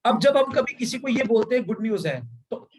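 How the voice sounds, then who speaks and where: High-voiced man teaching sales on a call. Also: animated, brisk, background noise. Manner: explains step by step, mixes English into Hindi, asks "right or wrong?". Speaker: sales trainer. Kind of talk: live online training session.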